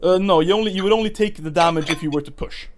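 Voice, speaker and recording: A man's voice: high voice, fast talker, slight background noise. A man running a tabletop game as game master, talking casually with frequent fillers, restarts and chuckles.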